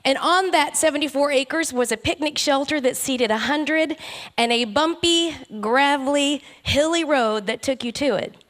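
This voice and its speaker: A woman's voice: high-pitched, moderate pace, fairly bright tone. A woman preacher giving a conference talk, earnest, with rhythmic lists.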